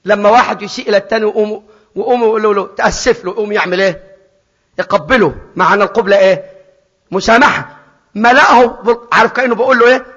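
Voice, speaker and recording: A man's voice: sits high, racing. A man with an Egyptian Arabic accent preaching a sermon, asking the congregation questions and repeating key phrases. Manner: questions the congregation, repeats phrases, drops to soft and rises to loud. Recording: dull, reverberant church hall.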